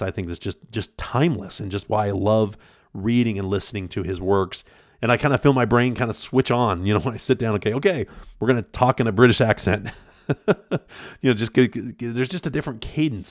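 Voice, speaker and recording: Man, podcast host, lowish voice, dry recording, earnest, rambling, reflective book talk. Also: darkish tone, no room sound. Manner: earnest, rambling with fillers and repeats.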